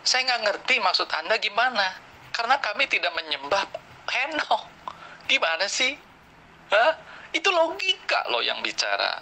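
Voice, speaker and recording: A man's voice: huge pitch swings, normal speed, long pauses, bright, forceful tone, slight background noise, low-quality recording. A man arguing a religious point in a voice-chat debate, lecturing and challenging his opponent. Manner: lecturing, challenging, rising pitch when pressing a point.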